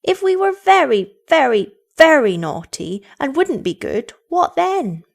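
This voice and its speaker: Woman putting on a high, pleading little girl. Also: big pitch swings, measured pace, creaky, full character voice. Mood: insistent pleading. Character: two little girls, tearful, pleading, longing to be naughty.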